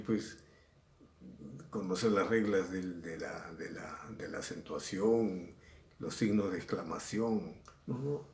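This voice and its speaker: A man's voice: sits low, darkish tone. A middle-aged man with a Peruvian accent, a secondary school language teacher giving a recorded lesson in a conversational way, often repeating himself and acting out examples. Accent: Peruvian Spanish. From Peru. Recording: echoey room.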